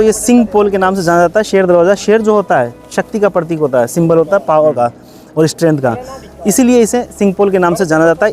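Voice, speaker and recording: A man's voice: high voice, darkish tone. A man working as a tour guide, explaining things to visitors outdoors in a chatty, lecturing way. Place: outdoors at a historic palace.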